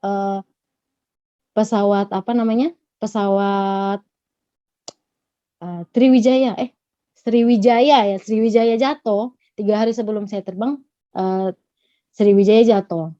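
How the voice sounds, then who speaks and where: A woman from Gorontalo giving a personal testimony, retelling her story in a halting, earnest way. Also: medium pitch, fairly even intonation, mellow, dry recording. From Gorontalo, Indonesia. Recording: dull lo-fi recording.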